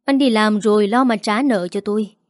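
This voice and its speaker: A woman's voice: mid-range voice, normal speed, no room sound, clean studio sound, natural voice. A woman reading a storybook voices a harsh older mother-in-law who scolds in a biting, accusing tone. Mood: scolding.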